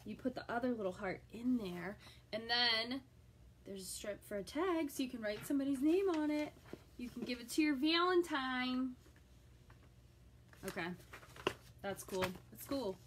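A woman's voice: fairly high pitch, expressive, moderate pace, pauses often, slight background noise. A middle-aged woman chatting with viewers as she unboxes a subscription box, enthusiastic and reacting aloud. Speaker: vlogger reviewing a subscription box. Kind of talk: live unboxing chat with viewers.

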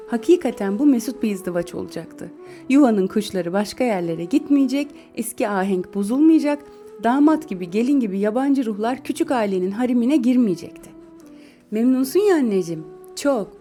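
A woman narrating a classic story in a calm, measured reading voice. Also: mid-range voice.

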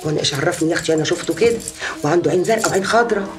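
A woman's voice: lowish voice, racing, recorded from a distance, lightly acted. An actress with an Egyptian accent playing a boastful, gossipy mother who tells of her many marriages in a comedy series. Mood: gossiping. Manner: chatty, gossiping, dramatic exclamations. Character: boastful middle-aged mother, gossipy much-married storyteller.

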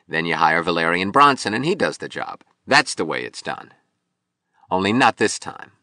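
A man's voice: deep voice, big pitch swings, brisk, sharp tone, no room sound, clean studio sound, full character voice. A man voicing a bitter, drunk young male sculptor in an audiobook, with a hard, impatient, belligerent voice. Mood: swaggering, bitter. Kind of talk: audiobook reading.

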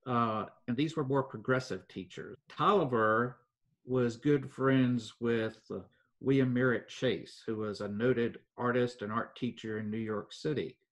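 An older man, telling local history in an interview at an even pace with many fillers. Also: medium pitch. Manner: measured storytelling with frequent fillers. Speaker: foundation president, guest.

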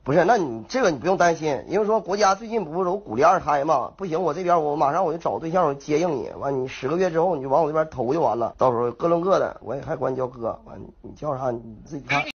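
A man's voice: a little high, expressive, quick pace, hardly any pauses, husky. A young man with a Northeastern Mandarin accent rambling through a prank phone call with feigned innocence. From Northeast China. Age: young adult. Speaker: prank caller.

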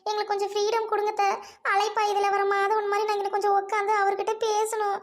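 Woman doing a squeaky cheeky young wife. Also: completely flat delivery, quick pace. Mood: teasing. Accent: Trichy Tamil.

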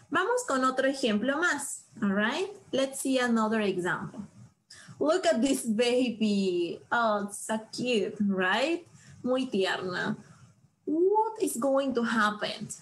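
A woman's voice: on the high side, sing-song, slow pace, a little hiss or hum, rough recording. A woman teaching a live online English lesson. She draws out example sentences, asks her students questions and uses playful exclamations.

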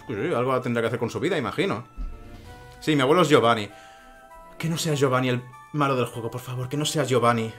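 A man's voice: mid-range voice, fast talker, pauses often, a bit bright, soft background music. Sarcastic Spanish man ranting over a game. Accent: Spain Spanish. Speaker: let's play commentator. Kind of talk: gameplay commentary.

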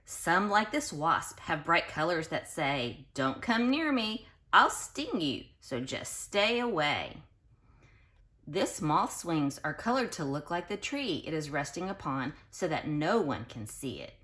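A woman with a voice that sits low reads a picture book to young children without hurrying. She is expressive and deliberate in a teacher's manner, pausing for explanations and questions.

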